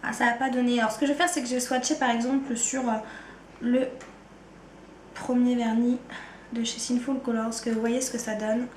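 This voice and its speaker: A beauty vlogger with a fairly high, level-toned voice and a slight Ardennes French accent chats casually to camera about her favourite things. She talks fairly quickly in a loose, slangy way, trailing off with "quoi." The sound is reverberant with slight background noise.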